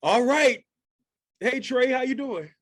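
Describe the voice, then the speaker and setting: A man's voice: very high voice, lively intonation, slow pace, fairly bright tone, dry recording, studio quality. A man in his thirties hosting a casual interview over a video call, upbeat and chatty with a slangy manner. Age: 30s. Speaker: interview host.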